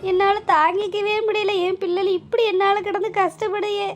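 A woman voicing a grieving, worried village mother in a cartoon, lamenting in a high sing-song. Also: level tone, normal speed, slight background noise. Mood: anguished lament. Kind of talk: cartoon voice acting.

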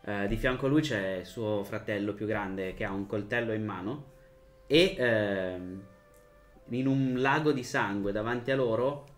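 Low-voiced man narrating as game master. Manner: measured, descriptive storytelling.

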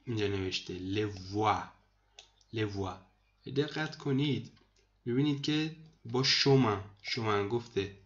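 A man teaching vocabulary to students in a screen lesson, repeating each word slowly and explaining it. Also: mid-range voice, fairly bright tone, lo-fi sound. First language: Persian. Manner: repeats words slowly, addresses students as kids. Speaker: language teacher.

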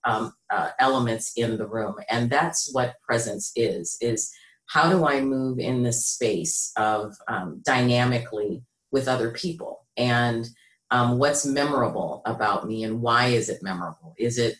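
Speaking from a small room indoors, either at home or in an office, a middle-aged American woman describes her work as a business consultant. She's an interview guest with a measured, conversational manner and a rich, deep, low voice. Her computer mic on the video call picks up echoey, roomy sound.

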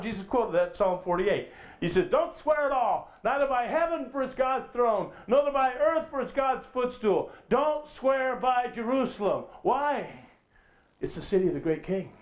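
A middle-aged man with a very high, expressive voice preaches from a lectern at a conference at a normal pace. Emphatic and full of rhetorical questions, he rises in pitch when quoting scripture, in an echoey hall.

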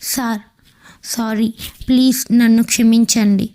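A woman's voice: a little high, level tone, takes it slowly, warm tone. Woman voicing a terrified, pleading young wife. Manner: begging, tearful.

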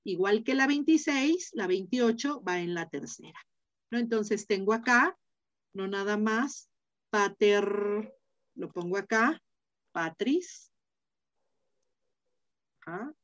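A woman's voice: mid-range voice, lively intonation, slow pace, pauses often. A middle-aged woman with a Mexican accent teaching a Latin class online, chatty and full of fillers, often asking her students questions. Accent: Mexican Spanish. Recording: dull lo-fi video call audio.

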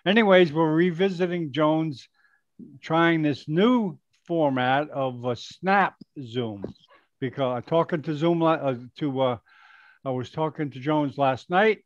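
Older male host, somewhat high voice, chatty and halting, dry and dull headset audio on a video call. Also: dry recording. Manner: chatty, hesitant, with fillers. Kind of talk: casual webcast introduction.

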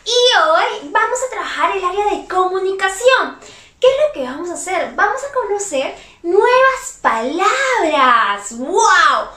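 A young woman teaching a reading lesson to small children, in a slow, sing-song, exaggerated teacher voice. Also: very high-pitched, very animated, bright, forceful tone. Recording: roomy echo.

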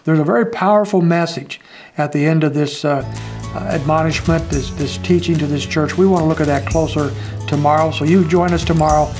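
An older man teaches from scripture as a pastor, his voice sitting a little high. He talks in a measured, conversational way, pausing with fillers as he explains each verse. It was recorded in a small home study. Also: fairly even intonation, a little mellow, faint music behind. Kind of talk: daily Bible teaching.

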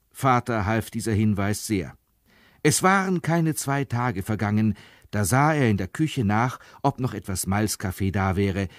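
A man reading a literary story aloud in a measured, storytelling manner. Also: on the low side, no room sound, studio quality. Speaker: narrator.

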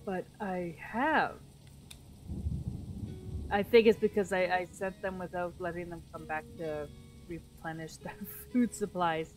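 A woman plays a city-building game and talks herself through each move at an unhurried pace. Her voice is wearing thin as she loses it, and she often restarts her sentences. Faint game music sits under her voice. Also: lowish voice, steady tone, darkish tone, rough recording. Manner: thinks aloud, self-talk with frequent restarts. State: losing her voice. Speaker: gameplay streamer. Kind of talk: casual gameplay commentary.

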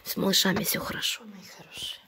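Speaking quickly at medium pitch with fairly even intonation, a middle-aged animal rescuer makes a casual appeal to viewers while ill with bronchitis. She talks earnestly to the audience and tenderly to sick puppies, filmed on a phone indoors at a veterinary clinic and a room at home. Crowd noise is audible.

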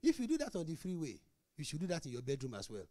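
A middle-aged pastor gives a marriage sermon. His voice sits high for a man and swoops up and down as he tells stories and plays out both sides of conversations. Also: fast talker, no echo, clean studio sound. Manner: animated storytelling, acts out both sides of dialogues.

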